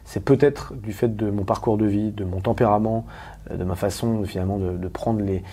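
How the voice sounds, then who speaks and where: Fast-talking man, low and dark. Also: fairly even intonation, husky. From Paris, France. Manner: rapid and emphatic, full of restarts and rhetorical questions. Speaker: guest. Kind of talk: candid conversational interview.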